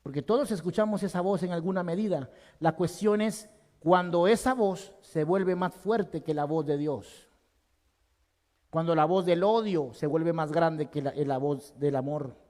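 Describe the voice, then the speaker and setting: A male pastor preaching a sermon with passion, swinging from loud emphasis to hushed tones. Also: fairly high pitch, measured pace. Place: church sanctuary. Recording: long hall reverb.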